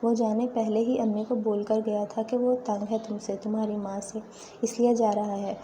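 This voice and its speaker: A woman's voice: mid-range voice, flat delivery, warm tone, a little hiss or hum, lightly acted. A woman reading the lines of a wronged young wife in a storybook tale, speaking in a reproachful, pleading way.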